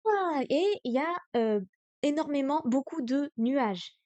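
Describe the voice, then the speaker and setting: A woman's voice: high voice, expressive, unhurried, darkish tone, dry recording. A woman streaming a live study session, thinking aloud hesitantly with many fillers. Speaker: streamer learning Chinese.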